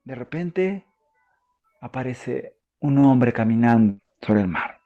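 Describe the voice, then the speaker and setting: A man with a Peruvian Spanish accent preaching a sermon in a conversational way, asking his listeners questions and often pausing with fillers. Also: mid-range voice, expressive, lo-fi sound. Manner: conversational, asks the audience questions, frequent fillers.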